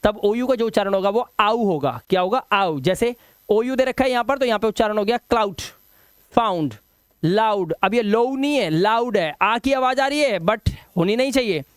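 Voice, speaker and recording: A man's voice: sits high, expressive, brisk, clear, resonant tone, no echo, clean studio sound. A man teaching English pronunciation rules in a lesson. He asks himself questions and answers them, then drills the words.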